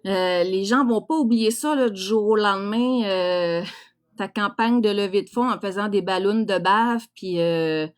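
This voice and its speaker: A woman's voice: medium pitch, unhurried. A middle-aged woman with a Québécois French accent, chatting casually and bluntly as a livestream host, with crude, teasing colloquial talk. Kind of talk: casual live chat reacting to viewers.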